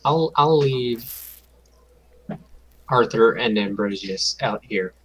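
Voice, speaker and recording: A man's voice: fairly low pitch, slow, dull audio, a little hiss or hum. A man playing a tabletop game, thinking aloud and joking with the table. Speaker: player. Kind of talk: casual tabletop game chat.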